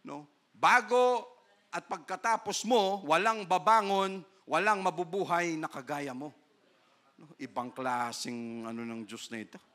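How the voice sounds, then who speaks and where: High, bright-voiced preaching man. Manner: preaches in Taglish, reads scripture in slow King James English, asks "no?" constantly; rises to loud, high emphatic bursts. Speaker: pastor. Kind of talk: sermon.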